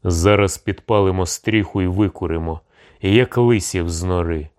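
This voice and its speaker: A man voicing a gruff, bold Cossack captain in an audiobook, shouting and threatening. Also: low voice, moderate pace, close to an everyday voice. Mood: bellowing.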